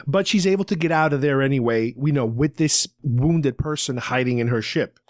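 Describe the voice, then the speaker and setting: A podcast host casually recaps a radio drama, explaining the story in a rambling way. His medium-pitched voice moves at a moderate pace, and the recording is dry and studio-clean.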